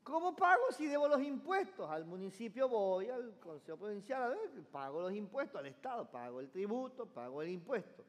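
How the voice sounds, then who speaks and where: A man's voice: sits high, very animated, moderate pace, few pauses. A man preaching a sermon as pastor, emphatic and calling the congregation to repeat phrases after him. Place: church sanctuary. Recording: long church reverb.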